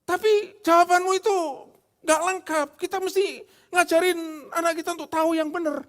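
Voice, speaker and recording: A man's voice: high-pitched, quick pace, voice pushed up. A preacher voicing a bossy wife who insistently cuts in to correct her husband in a sermon story. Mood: scolding. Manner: sharp, insistent, interrupting.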